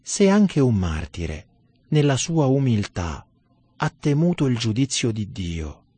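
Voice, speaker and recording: A man reading a devotional sermon in a solemn, measured and emphatic manner. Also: medium pitch, big pitch swings, dark tone, breathy edge, no echo. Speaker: religious narrator.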